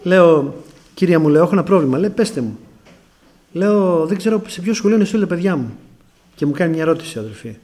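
A man's voice: a little high, animated, a little mellow. A middle-aged Greek man from Greece preaching a testimony sermon, telling a story and often calling out to the brothers.

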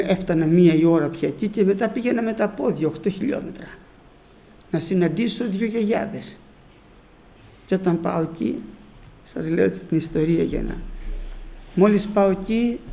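An older man preaching, telling a personal story in an animated way and acting out the shouting voices of the people in it. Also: high-pitched, gravelly.

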